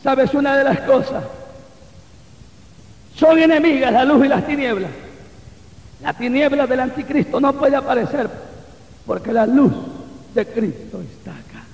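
A man preaching with fervor at a church service, his very high voice gravelly at the edges. He keeps breaking into exclamations of praise. The hall around him rings with a long echo. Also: animated, unhurried, long pauses, a little mellow. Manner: fervent, punctuates with exclamations of praise. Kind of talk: evangelical sermon and testimony. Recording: echoey hall with long reverb.

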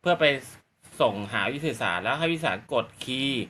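A man gives a casual, polite gadget demonstration as a channel host. He talks fast in a bright, forward voice and circles back over his explanations, with faint noise behind him. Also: mid-range voice, lively intonation. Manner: polite, repetitive explanatory phrasing.

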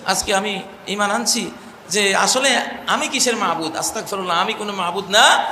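A male preacher giving an impassioned sermon, swinging between loud cries and low murmurs and chanting verses. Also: normal speed. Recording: echoey hall, faint noise.

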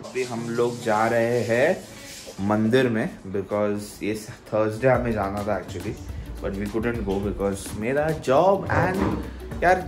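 A man in his thirties, vlogging in a casual chat that mixes languages, filming himself on a phone at arm's length. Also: medium pitch. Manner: mixes Hindi, Marathi and English, chatty. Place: busy shopping mall, indoors. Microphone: phone held at arm's length.

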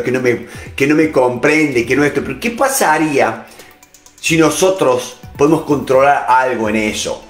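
Middle-aged man, Rioplatense Spanish accent, negotiation teacher, talks straight to the listener, "este" fillers, roomy echo, faint music under it. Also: medium pitch. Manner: direct second-person address, frequent "este" fillers. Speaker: negotiation instructor. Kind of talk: motivational lecture.

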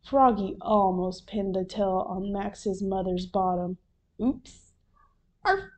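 A woman reading a children's picture book aloud, slowly and expressively, with sound effects. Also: medium pitch, little pitch movement, warm tone. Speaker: storybook reader.

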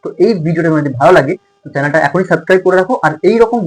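Male tutor, Bengali accent, fast, husky voice, quizzing and answering himself. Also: high voice, lively intonation, soft background music, low-quality recording. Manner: asks questions and answers them himself. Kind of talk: grammar lesson.

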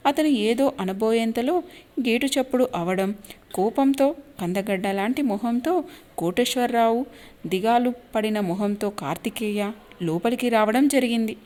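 A woman narrating an audiobook story in a measured, expressive way. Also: fairly high pitch.

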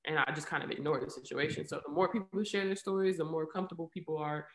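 A young woman in her twenties with a deep voice talks quickly as an interview guest, joining by video call from her living room at home. She's an athlete and poet, candid and reflective, and her speech is full of "um" and "right?". The webcam audio has a roomy echo.

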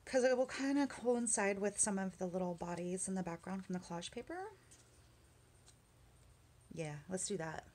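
A woman chatting casually at her craft desk as she works on a journal page, rambling with lots of fillers and small laughs, and sometimes muttering quietly to herself. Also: mid-range voice, animated, normal speed, pauses often. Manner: mutters softly to herself while working. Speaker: craft vlogger. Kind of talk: casual chat while crafting. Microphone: camera on the work desk.

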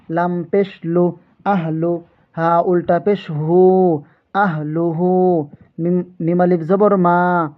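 Slow, high-voiced man drilling letters on a tinny line. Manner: slow, deliberate letter-by-letter drilling, drawing out the blended words. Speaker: Quran reading teacher. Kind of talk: spelling out Arabic letters and vowel marks, drill-style lesson. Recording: lo-fi narrow phone-like sound.

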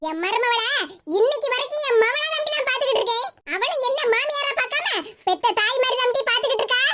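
A woman voicing a fiery, blunt middle-aged village mother-in-law with a Tirunelveli Tamil accent in an animated cartoon. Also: very high voice, noisy background. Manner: scolding, blunt, threatening.

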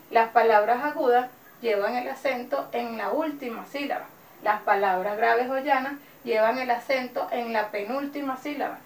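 A woman teacher with a Venezuelan accent giving a lesson to young children, slowly stressing each syllable. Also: high-pitched, creaky, recorded from a distance. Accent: Venezuelan Spanish. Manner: slow, stressing syllables carefully. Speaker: primary school teacher. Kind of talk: classroom lesson addressed to children. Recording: echoey room, voice off-mic, faint background noise.

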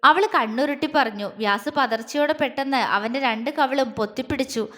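A woman narrating a romantic audio story in a gentle, even reading voice. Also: sits high, fairly quick. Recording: long echoey reverb.

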